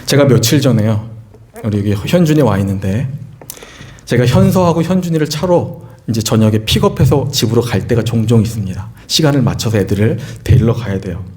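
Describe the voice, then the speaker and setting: A middle-aged man preaching in a church. He tells a story about his own children in an earnest, conversational way and often turns to the congregation with questions. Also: fairly quick. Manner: earnest storytelling, rising pitch when excited, asks the congregation questions. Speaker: pastor. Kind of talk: sermon with personal story. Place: church sanctuary.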